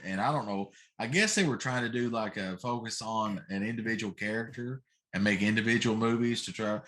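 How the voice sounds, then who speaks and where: A middle-aged man's voice sits on the low side with a fairly bright tone. Co-hosting a relaxed talk show, he offers grumbling, emphatic takes on pop culture and keeps repeating himself for emphasis.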